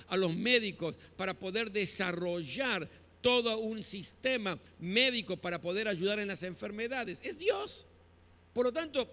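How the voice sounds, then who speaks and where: A pastor preaching a sermon, asking rhetorical questions and answering them, stretching key phrases out slowly. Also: male voice, high voice, sharp tone. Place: church. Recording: reverberant church hall.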